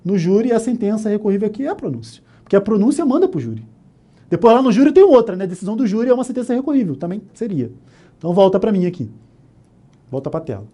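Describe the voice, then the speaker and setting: Mellow-voiced Brazilian law lecturer. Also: male voice, sits high, big pitch swings, very fast. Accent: Brazilian Portuguese. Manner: explains step by step, often asking "né?", "ok?", "tá?". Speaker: law instructor. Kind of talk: exam-prep lecture. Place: online course studio.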